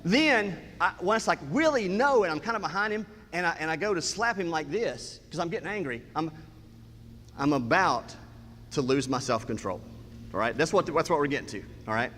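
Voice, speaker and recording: An animated man spins a comic personal story, his voice sitting a bit high. Long hall reverb trails each phrase, with faint ambience behind. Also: a little fast, slight background noise. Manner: animated, acts out scenes and quotes.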